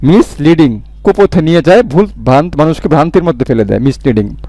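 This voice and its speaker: A man's voice: a little high, lively intonation, fast, dark tone, no room sound. Man, grammar tutor, exam-prep lesson, repeats words, asks himself questions, dry sound. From Bangladesh. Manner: repeats key words, asks and answers his own questions.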